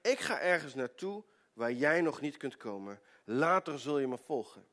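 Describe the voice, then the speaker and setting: Jesus, calm and slow, gets soft and low at the end, preacher doing the voice. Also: male voice. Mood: solemn. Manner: measured, solemn, slowing and softening. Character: Jesus, calm grown man, gentle teacher.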